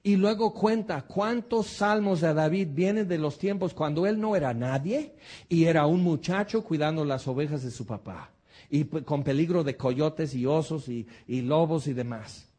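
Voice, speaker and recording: A man preaching a sermon, earnest and animated, full of rhetorical questions. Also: a little high, moderate pace, breathy edge.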